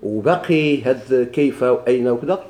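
A man's voice: mid-range voice, lively intonation, moderate pace, a little mellow. A man with a Moroccan Arabic accent teaching a grammar lesson to a class, putting questions to the students and answering them himself. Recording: echoey room.

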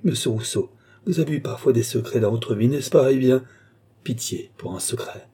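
A man's voice: mid-range voice, moderate pace, mellow, husky, pitched above the performer's own voice. A man voicing a frightened young man in an audiobook, pleading and protesting his innocence. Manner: pleading, stammering.

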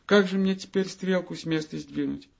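A man's voice: high-pitched, fairly even intonation, moderate pace, gravelly, darkish tone, voice pushed up. A man voicing a bossy, grumbling young boy in a children's fairy tale. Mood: scolding. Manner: scolding, grumbling. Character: young boy Fifth Hour, bossy and grumpy. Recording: dull lo-fi audiobook recording.

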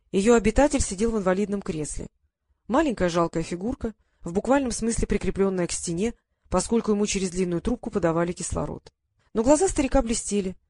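A woman narrating an audiobook in an even, measured reading. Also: medium pitch, no echo, studio quality. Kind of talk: scripted narration.

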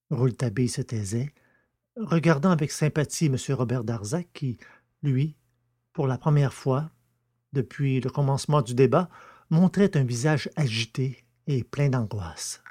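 A man narrating a classic detective novel as an audiobook, in a measured storytelling manner. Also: medium pitch, animated, warm tone, husky.

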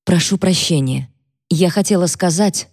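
A woman's voice: lowish voice, darkish tone, husky, no room sound, clean studio sound. A woman voicing a composed housewife who speaks in a level, careful way. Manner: level, measured, restrained.

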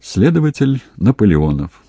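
A man voicing a calm, wry young police investigator with a dry, ironic manner, in an audiobook. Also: fairly low pitch, moderate pace, husky, dry recording, pitched above the performer's own voice, full character voice.

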